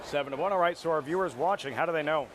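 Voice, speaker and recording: Man, live racetrack host, slightly high voice, broadcast chat, loud trackside noise outdoors. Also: rapid-fire.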